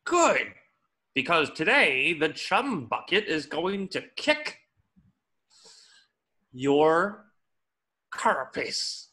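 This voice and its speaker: A man's voice: fairly high pitch, big pitch swings, very slow, long pauses, pushed and bright, heavily acted. A man voicing a tiny, scheming, grandiose plankton villain in a cartoon table reading, pompous and theatrical. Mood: menacing.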